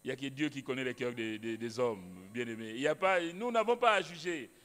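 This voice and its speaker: A man's voice: mid-range voice, animated, brisk, fairly bright tone. A male pastor preaching a sermon in a church, emphatic, repeating phrases with many restarts. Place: church hall. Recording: long hall reverb.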